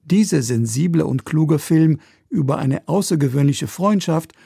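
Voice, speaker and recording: A man narrating a scripted radio news report in a measured, even delivery. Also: a little high, vocal fry, slightly rough, no echo, clean studio sound.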